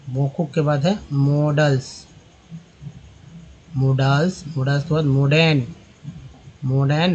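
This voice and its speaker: Male English tutor, slightly high voice, slow repetitive drilling of each word. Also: darkish tone, muffled recording. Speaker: English teacher. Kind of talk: language lesson explaining pronunciation.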